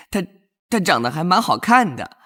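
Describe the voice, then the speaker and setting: A playful young rich master. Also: male voice, sits high, bright, forceful tone, breathy edge, heavily acted. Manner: playful, whiny and joking. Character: carefree young rich master, joking son. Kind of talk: TV drama acting.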